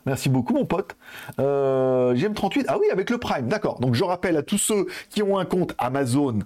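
A man's voice: a little high, very animated, fairly quick, darkish tone. A man streaming live, chatting casually, laughing often and reading viewer comments aloud. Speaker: Twitch streamer.

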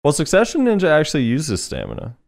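A man's voice: fairly high pitch, wildly swooping pitch, fast, vocal fry. A man hosting a casual podcast, reading listener comments aloud in a laid-back way with plenty of fillers. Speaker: podcast host.

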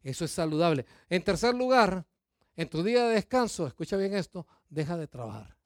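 High-voiced pastor preaching. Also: male voice, fairly quick, no echo, clean studio sound. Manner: lively, questions the congregation, acts out listeners' excuses. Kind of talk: sermon.

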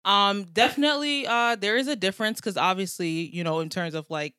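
A woman's voice: mid-range voice, brisk, sharp tone, smooth, no echo, clean studio sound. An American woman guest chatting thoughtfully on a podcast, searching for her words. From United States. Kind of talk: casual chat.

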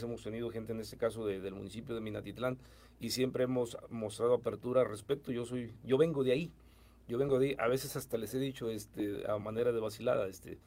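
A man's voice: medium pitch, a little mellow. A middle-aged man with a Mexican Spanish accent, an education official answering interview questions with many fillers and restarts. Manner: fast, hesitant with many fillers.

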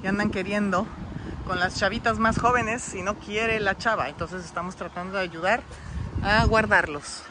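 A woman vlogging casually at an alpaca farm outdoors, chatting warmly and cooing at the animals. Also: fairly quick. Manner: coos softly at animals in high sweet tones. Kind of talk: casual vlog chat. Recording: loud outdoor background noise.

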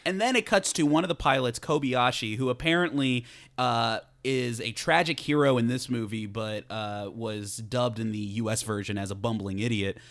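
A man talks through a film in a relaxed podcast chat, wry and a little exasperated. His voice sits at an ordinary middle pitch. He often trails off and restarts his thoughts. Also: moderate pace. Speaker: podcast co-host. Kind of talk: casual film review chat.

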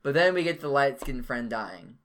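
Bright-voiced man joking through a movie recap. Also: medium pitch, big pitch swings, moderate pace. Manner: profane, joking, laughs often. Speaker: podcast co-host. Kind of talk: casual movie recap chat.

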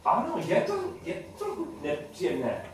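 A man leads a class with questions, haltingly and repeating himself in simple phrases. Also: high voice, wildly swooping pitch. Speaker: teacher leading a Bible study class. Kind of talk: interactive lesson with questions to the group. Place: echoey room with a group. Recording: very echoey room, distant mic, faint noise.

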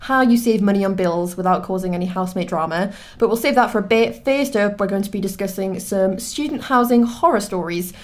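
This Geordie woman in her twenties, from Newcastle, England, co-hosts a podcast and keeps the casual chat upbeat and chatty, full of fillers. Her mid-range voice moves fairly quickly, with hardly any pauses.

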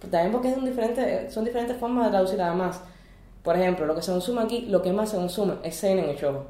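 A woman debating comics in a casual panel, insistent and quick to cut in. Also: mid-range voice, dark tone, roomy sound. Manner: fast, insistent, interrupts to hold the floor. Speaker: podcast guest.

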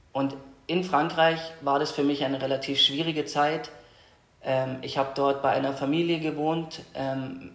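Flat-voiced reflective young man in an echoey room. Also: mid-range voice, creaky. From Austria. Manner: hesitant, reflective, many fillers and restarts. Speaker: guest. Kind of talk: personal storytelling in a podcast interview.

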